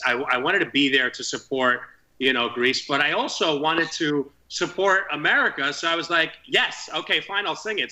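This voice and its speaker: Bright-voiced male comedian guest, excited. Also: fairly high pitch, rough recording. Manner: excited, rambling storyteller. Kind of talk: casual chat.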